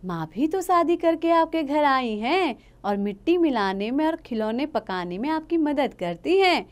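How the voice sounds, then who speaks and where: A woman's voice: sits high, very animated, a little slow, pitched above the performer's own voice. A woman voicing an eager twelve-year-old village girl who pleads insistently. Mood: pleading.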